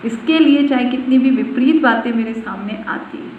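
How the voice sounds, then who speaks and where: A woman spiritual teacher gives a devotional discourse, repeating phrases and putting questions to her listeners. Her slightly high voice moves at a normal speed. She sounds far off in an echoey room over a tinny, phone-like line, with a little hiss or hum.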